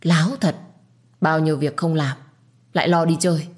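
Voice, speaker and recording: A woman voicing a harsh, bossy old grandmother who scolds sharply and loudly. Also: sits low, steady tone, moderate pace, close to an everyday voice. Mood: scolding.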